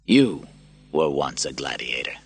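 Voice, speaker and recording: A man's voice: rumbling low, sing-song, a little slow, breathy edge, soft background music, voice pushed down, full character voice. A man voicing a determined gladiator who speaks steadily and earnestly. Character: male gladiator, determined and resolute.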